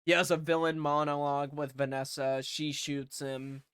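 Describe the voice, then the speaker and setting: A man's voice: fairly high pitch, flat delivery, normal speed, fairly bright tone, clear, resonant tone, dry recording, studio quality. A man casually recapping a movie plot in a loose, rambling way, with swearing and lots of fillers. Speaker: movie reviewer.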